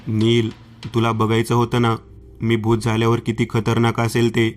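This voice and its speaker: A man's voice: medium pitch, monotone, moderate pace, a little hiss or hum, natural voice. A man doing a taunting ghost woman. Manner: cold, taunting. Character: vengeful ghost woman of the island cave.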